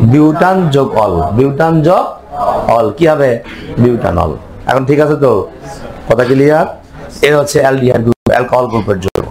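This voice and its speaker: A man's voice: medium pitch, rough recording. A man teaching a chemistry class, lecturing and firing repeated questions at his students.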